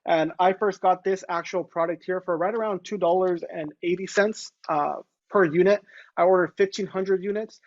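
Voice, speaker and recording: A man in his late twenties, a guest on a casual video interview, talking in a relaxed way with many fillers. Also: high voice, moderate pace, dry recording, dull audio. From Los Angeles. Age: 20s. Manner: relaxed, fillers like "going ahead". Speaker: guest entrepreneur.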